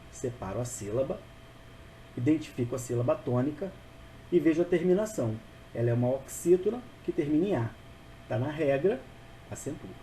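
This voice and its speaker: A man's voice: medium pitch, mellow, a little hiss or hum, low-quality recording. A man teaching a grammar lesson, patient and repetitive, often checking in with the listener. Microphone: voice-over for a narrated video.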